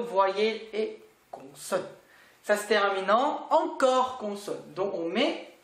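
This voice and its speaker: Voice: medium pitch, fairly bright tone, roomy sound. A language teacher giving a patient online lesson, repeating words and asking the learner questions.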